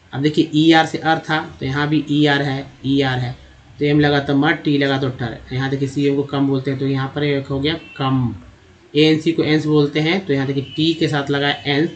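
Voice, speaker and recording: A man's voice: on the high side, dull audio. Man teaching English word parts. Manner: spells out letters and sounds word parts, repeats often. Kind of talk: slide-based lesson.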